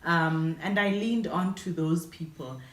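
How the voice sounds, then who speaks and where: Low-voiced woman in her 30s, podcast guest, lots of "you know", echoey room. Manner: reflective, often fills pauses with "you know" and "um". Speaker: guest leadership coach. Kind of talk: conversational podcast interview.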